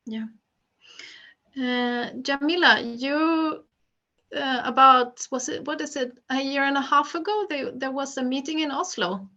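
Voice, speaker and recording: A woman's voice: high-pitched, a little slow, sharp tone. A woman moderating a panel interview, tentatively rephrasing her questions as she goes, on slightly dull audio.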